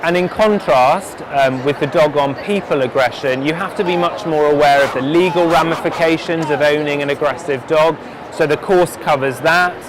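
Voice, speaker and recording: A man who trains dogs and teaches primary school, giving an earnest, measured testimonial interview with frequent restarts. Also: on the high side, background noise. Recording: clear background music.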